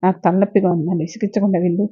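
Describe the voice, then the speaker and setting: A woman voicing a hurt, withdrawn young wife who answers quietly and tiredly, in a dull lo-fi recording. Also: lowish voice, flat delivery, racing, husky, dry recording. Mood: weary.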